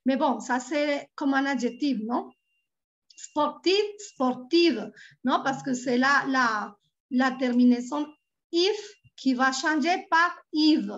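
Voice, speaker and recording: A woman with a Colombian Spanish accent, a native Spanish speaker, tutoring French over a video call. She repeats words slowly and patiently. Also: high-pitched, fairly bright tone. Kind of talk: online language lesson. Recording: dull lo-fi online call audio.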